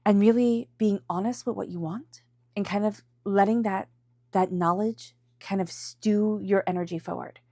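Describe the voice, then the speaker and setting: Stuffy with a head cold, a woman gives viewers an intuitive tarot reading, repeating phrases to drive points home. Her voice is medium-pitched, steady and warm at normal speed, captured studio-quality with no room sound.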